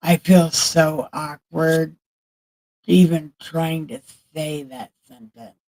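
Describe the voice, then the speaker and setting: Woman, livestream chat, unhurried, creaky, blunt and profane. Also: sits low, fairly even intonation, mellow. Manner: candid, profane, chatting with viewers.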